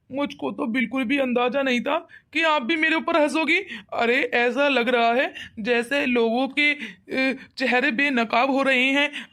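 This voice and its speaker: A grown son in a cartoon whines and complains that he was insulted, as a woman voices him. The voice sits high for a man, and the delivery stays in a sulking, grievance-filled key. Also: a bit bright. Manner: whiny, complaining. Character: young married son, sulking and hurt. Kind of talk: cartoon voice acting.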